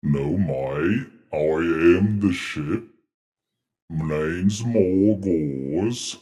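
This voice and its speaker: A man doing a slow, deep-voiced talking ship. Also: mellow. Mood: gruff. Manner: drawling, keeps saying mate and right. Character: gruff lonely talking ship, male, wary.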